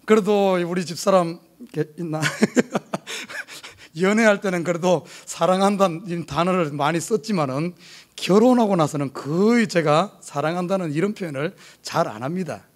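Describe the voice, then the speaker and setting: A Gyeongsang-accented pastor from South Korea, middle-aged, livens up his church sermon with a funny story from his own life. His high voice keeps a normal speed as he tells it with animated humor in the sanctuary.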